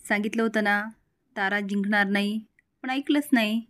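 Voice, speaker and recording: A smug older man taunts in a slow, drawn-out way, as a woman puts him on. His voice sits at a middling pitch. It is a storyteller's one-person retelling. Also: fairly even intonation, a bit bright, close to an everyday voice. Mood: gloating.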